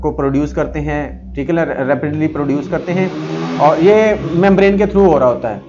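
A male psychology teacher walks through a diagram step by step, repeating key terms and often checking that his students follow. His voice sits a little high. He slips from read-out English definitions into his own plain explanation, and the recording sounds somewhat dull and lo-fi. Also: normal speed, noisy background.

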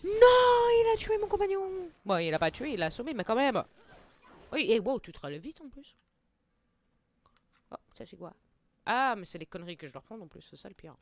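Lively excitable woman gamer. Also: medium pitch, brisk, pauses often. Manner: excitable, taunts enemies and mutters to herself. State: jittery from too much coffee. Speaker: gaming channel host. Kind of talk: live gameplay commentary.

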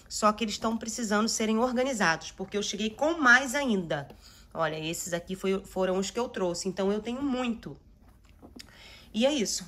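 A middle-aged home organizing vlogger chats casually while tidying her kitchen, calling her viewers "gente" and using lots of diminutives. Her voice is medium-pitched with a fairly bright tone.

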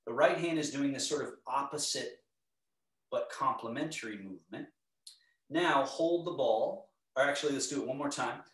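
A middle-aged man teaching tai chi, giving calm, serene, step-by-step movement cues in a measured way. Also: medium pitch. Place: indoor home living area. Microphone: camera across the room. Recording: echoey room, distant microphone.

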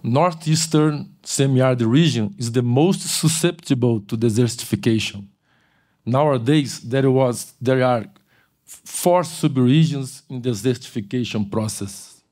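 Older guy giving a keynote in a big hall, mellow voice, stops and fixes his words a lot. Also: mid-range voice. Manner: halting, with frequent restarts and self-corrections. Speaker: keynote speaker. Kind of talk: conference lecture. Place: large auditorium on a stage. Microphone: podium microphone.

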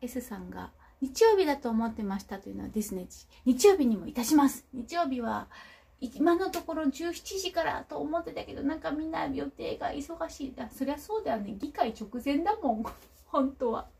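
Her voice is high, expressive, creaky and warm as this Kagoshima-accented woman, a local politician, chats through viewer comments on a casual livestream. She moves at a moderate pace, pokes fun at herself, and laughs between remarks.

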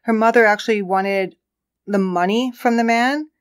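A woman's voice: on the high side, normal speed. A woman co-hosting a casual true crime podcast, chatting and laughing as she tells the case story.

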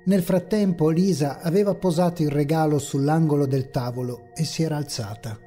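A man narrating a horror story in a measured, ominous way. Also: a little high. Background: faint dark ambient music.

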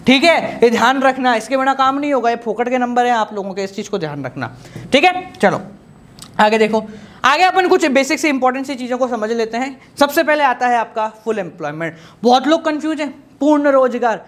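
Fairly quick and very high-voiced, this bouncy instructor delivers a spirited exam-prep class blending Hindi with English. In a studio in front of a projected slide screen, he keeps things playful and lively, gesturing and drilling key terms again and again.

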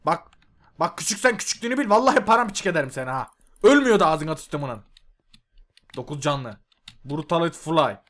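A young man giving loud, excitable gameplay commentary, swearing and yelling at the mobs on screen. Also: a little high, fast talker, pauses often. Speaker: gaming YouTuber. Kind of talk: Minecraft mod review commentary.

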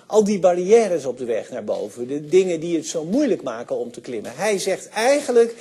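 Husky-voiced older man lecturing on sociology. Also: fairly high pitch, sing-song, a little fast, warm tone. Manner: enthusiastic, with frequent fillers and restarts. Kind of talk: university lecture.

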